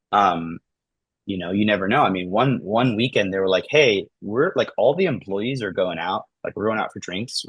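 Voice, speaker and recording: A man in his thirties talking casually as a podcast guest, acting out everyday conversations in lively voices and often saying "like" and "man". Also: lowish voice, breathy edge, no room sound. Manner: animated, acts out dialogue in lively voices, says "like" and "man" often.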